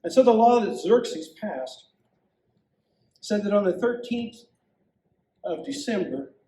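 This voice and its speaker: A male pastor preaching a sermon as a dramatic story told in the first person, with lively asides as he voices the characters. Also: high-pitched, slow. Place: church sanctuary. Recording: echoey church heard from a distance.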